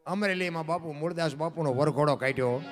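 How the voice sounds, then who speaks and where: High-voiced man telling a devotional folk tale. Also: brisk. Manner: emotive storytelling that voices the characters in dialogue. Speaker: folk storyteller. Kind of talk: Gujarati dayro devotional storytelling. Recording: faint music behind the voice.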